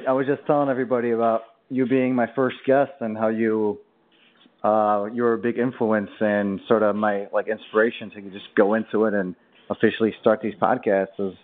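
A man's voice: fairly low pitch, flat delivery, fairly quick. A man hosting a podcast, interviewing a caller in a friendly, loose, chatty way. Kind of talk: casual interview. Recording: tinny phone line.

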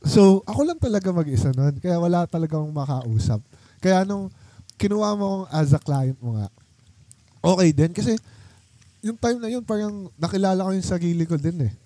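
A young man hosts a casual chat among old friends, rambling through his stories with plenty of fillers. His voice sits a bit high yet sounds mellow and dark. The recording is dry and close. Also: lively intonation, fairly quick, no room sound. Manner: rambling storytelling with many fillers and laughs. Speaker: podcast host.

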